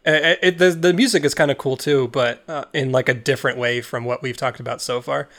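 A man's voice: medium pitch, steady tone, brisk, a bit bright. A man hosting a podcast in casual chat, talking loosely with frequent restarts. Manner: loose, rambling, stumbles and restarts. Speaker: podcast host.

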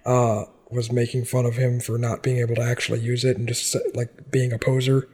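A man co-hosting a podcast in casual chat, explaining things in quick, chatty bursts. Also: medium pitch, completely flat delivery, a little mellow, breathy edge. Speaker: podcast co-host.

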